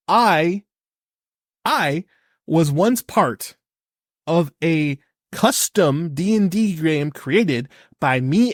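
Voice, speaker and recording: Male podcast co-host, thirties, animated and emphatic, higher-pitched, dry recording. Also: no room sound. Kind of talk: casual podcast chat.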